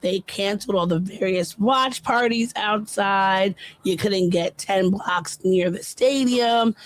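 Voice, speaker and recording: A woman's voice: medium pitch, slow pace, no echo. A young adult woman co-hosting a podcast, telling a story in a casual, blunt, profane way. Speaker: podcast co-host. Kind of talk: casual chat.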